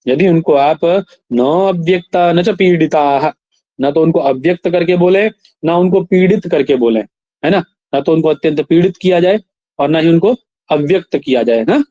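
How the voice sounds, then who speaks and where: A man's voice: on the high side, dark tone, no echo, dull audio. Male teacher chanting verses, then explaining. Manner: recites verses slowly, then explains and quizzes students. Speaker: Sanskrit teacher. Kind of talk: classroom lecture.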